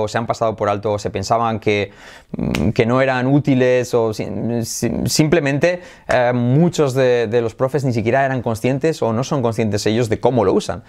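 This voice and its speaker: A man's voice: medium pitch, a little mellow. Man teaching English pronunciation. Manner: explanatory, repeats phrases slowly for practice. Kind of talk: spoken language lesson.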